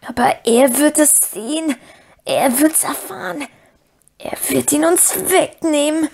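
A woman's voice: high voice, unhurried, vocal fry, a little mellow, voice pushed up. A woman reading aloud and voicing the meek side of a wretched male creature, whining and wheedling as he pleads with himself. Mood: fearful. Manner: whining, wheedling, lisping self-talk.

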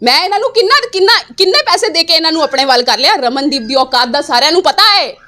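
Woman, very high voice, bright and forceful, angry and defiant interviewee. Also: animated, quick pace. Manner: angry, defiant, repeats herself. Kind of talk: heated interview.

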